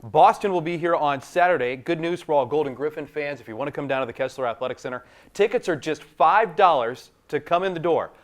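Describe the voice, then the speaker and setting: A man's voice: fairly high pitch, fairly quick, hardly any pauses. A man hosting a college basketball coach's radio show, interviewing the coach and reading promotions with upbeat emphasis. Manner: upbeat, emphatic when plugging tickets. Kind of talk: sports radio host, promotional reads.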